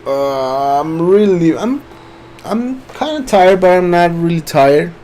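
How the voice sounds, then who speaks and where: A man's voice: fairly high pitch, expressive, takes it slowly, a little mellow, slight background noise. A man hosting a casual live webinar, reading viewer questions aloud and answering them loosely with many fillers. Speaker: webinar host.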